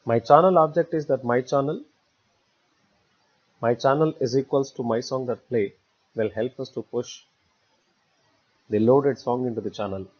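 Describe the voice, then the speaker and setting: In a voice-over for a screen recording, a man narrates a software tutorial step by step. His pitch is average, and he speaks in halting, repetitive short chunks, with somewhat dull, lo-fi sound.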